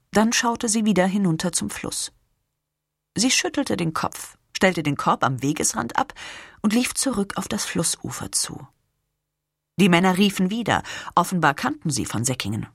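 Husky, expressive woman reading a novel. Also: lowish voice, no room sound, studio quality. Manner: expressive, sinking to whispers in tense moments. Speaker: audiobook narrator. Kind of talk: scripted narration of a historical novel.

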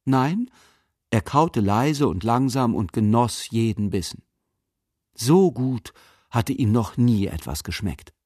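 A man narrating a fairy-tale audiobook in an expressive storytelling manner. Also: medium pitch, slow pace, slightly rough, no room sound, clean studio sound.

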